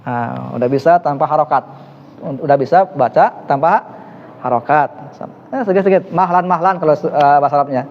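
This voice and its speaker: A man's voice: fairly high pitch, moderate pace, slight background noise. A man teaching an Arabic class, encouraging his students and praising their answers often. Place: mosque classroom. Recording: dull reverberant room recording.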